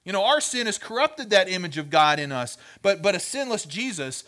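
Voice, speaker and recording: A man's voice: high voice, big pitch swings, fairly quick, bright, forceful tone. A man teaching a sermon in a conversational way, often checking in with his listeners and repeating words as he thinks aloud. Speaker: pastor.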